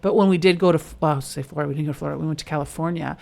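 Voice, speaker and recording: A middle-aged woman, co-hosting a podcast in casual, animated chat, full of "like". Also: deep voice, very fast, gravelly. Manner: chatty, fillers of "like", animated storytelling. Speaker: podcast co-host.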